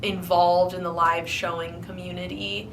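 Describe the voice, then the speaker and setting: A woman's voice: lowish voice, little pitch movement, measured pace, gravelly, distant mic, slight background noise. A young woman vlogger, congested after flu, chatting casually about her hobby with many ums and likes. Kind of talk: casual chat to camera.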